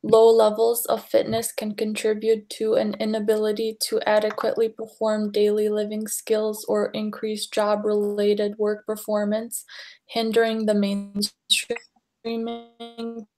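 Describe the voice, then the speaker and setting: Woman in her 30s reading her slides, super flat monotone, slow, video call. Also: medium pitch, faint music behind. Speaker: student presenter. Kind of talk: reading a class presentation.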